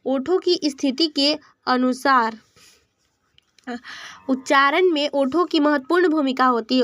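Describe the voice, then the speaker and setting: A woman reading out an exam study lesson, listing sounds one by one in a slow, deliberate way. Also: sits high, a bit bright, no echo. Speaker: teacher reading exam answers.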